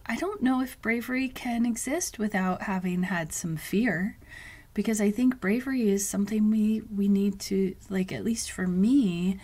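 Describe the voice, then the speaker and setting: A woman hosting her own podcast, speaking in a reflective monologue and thinking aloud with pauses and restarts. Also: medium pitch, darkish tone. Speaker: podcast host.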